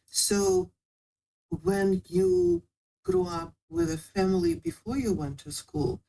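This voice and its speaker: A very high, gravelly voice with a dark tone and huge pitch swings speaks slowly on a rough recording. The guest, in a casual interview, patiently explains how to learn a language, making small non-native grammar slips.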